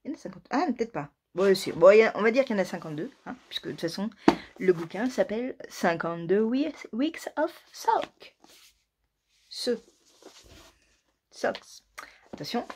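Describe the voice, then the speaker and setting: A woman's voice: medium pitch, animated, fast, a little mellow, slight background noise. A woman hosting a knitting video podcast, chatting casually and self-mockingly, often dropping to murmured asides under her breath. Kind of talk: casual chat.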